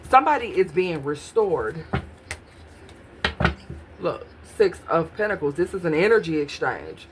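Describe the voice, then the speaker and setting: Low-voiced woman giving a tarot reading. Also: fairly bright tone. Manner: musing, talks to herself while pulling cards. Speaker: tarot reader.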